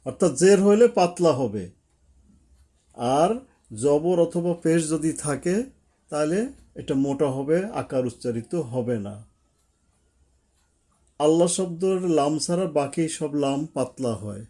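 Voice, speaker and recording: A man's voice: on the high side, unhurried, pauses often, warm tone. A man teaching a lesson at a board, explaining each rule step by step and repeating it.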